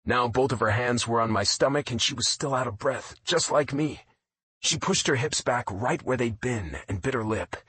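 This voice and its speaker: A man narrating a romance audiobook in a low, intimate first-person reading. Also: normal speed, fairly bright tone, slightly rough.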